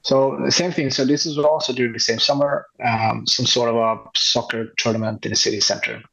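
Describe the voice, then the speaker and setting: Gravelly man, husky and halting. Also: medium pitch, flat delivery, a bit bright, highs cut off. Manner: enthusiastic, halting with frequent restarts. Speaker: street photographer guest. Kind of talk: casual interview chat.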